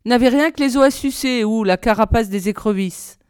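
A woman reading a fairy tale aloud in a measured, expressive storybook style. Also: a little high, clean tone, dry recording, studio quality. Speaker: reader.

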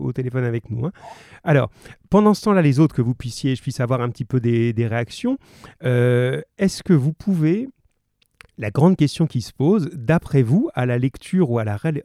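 A man's voice: medium pitch, dark tone, no echo, clean studio sound. A male teacher reading a novel aloud, then leading a remote class in a chatty way, with hesitations and self-corrections.

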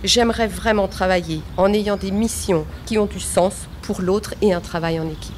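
A woman's voice: medium pitch, steady tone, normal speed, a little mellow, lightly acted. Woman playing an effusive, weary factory worker in noise. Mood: fed up. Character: Jeannette, weary female factory worker of 2045, effusive friend. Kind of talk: amateur scripted audio drama.

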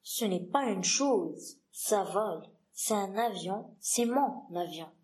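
A woman reading the lines of a patient grown-up male pilot in a storybook reading, gentle and unhurried. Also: medium pitch, expressive. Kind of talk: read-aloud storybook dialogue.

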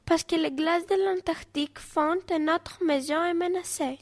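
A student actress voicing a young female arctic fox in a school radio play, with a bright, childlike manner. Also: very high-pitched, steady tone, normal speed. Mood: cheerful. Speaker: student actor.

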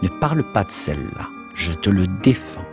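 A man's voice: deep voice, very animated, normal speed, music in the background. A man reading aloud, voicing a cold, cynical young schemer who answers curtly and with contempt.

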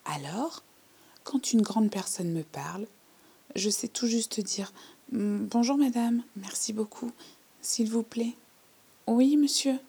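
A bashful, painfully polite little girl tells her tale in a hushed storybook voice, as a woman reads it. Her tone is husky and slightly gravelly, with a dark, mellow edge. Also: fairly high pitch, slow, pauses often, pitched above the performer's own voice, full character voice. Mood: earnest. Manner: timid, hushed storytelling in first person. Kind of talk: storybook reading.

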